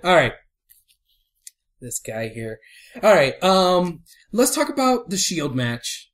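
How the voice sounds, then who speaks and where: Animated man co-hosting a wrestling podcast. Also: high-pitched, slow pace. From Houston area. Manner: animated, laughs a lot, teasing. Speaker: podcast co-host. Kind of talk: casual podcast banter.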